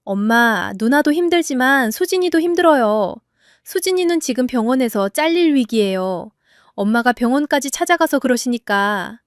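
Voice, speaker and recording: An earnest young husband pleads with his family but holds his ground, as a woman lowers her voice to play him. He speaks steadily and seriously, close to the mic. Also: lively intonation, moderate pace, no echo.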